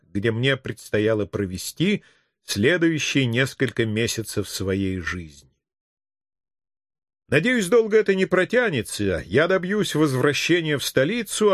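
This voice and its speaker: A man narrates an audiobook with expressive, measured delivery. His pitch moves freely over a wide range. The close studio recording is dry, with no room sound. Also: no room sound.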